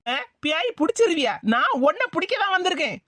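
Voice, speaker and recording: A woman voicing a tall gruff woman with a Tirunelveli accent, mocking and menacing, in a cartoon. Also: extremely high pitch, big pitch swings, brisk, noisy background, voice pushed down. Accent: Tirunelveli Tamil.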